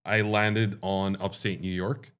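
A man from Dubai, a chemical engineering professor, answering interview questions in a measured, explanatory way. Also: sits low, little pitch movement, a bit bright, clear, resonant tone. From Dubai, Middle East. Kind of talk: conversational interview.

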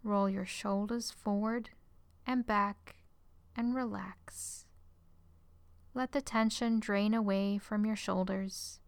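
A woman guiding a relaxation exercise in a calm, soothing way, her phrases trailing off into soft whispers. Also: medium pitch, takes it slowly, smooth, no echo. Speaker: relaxation guide. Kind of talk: guided relaxation script.

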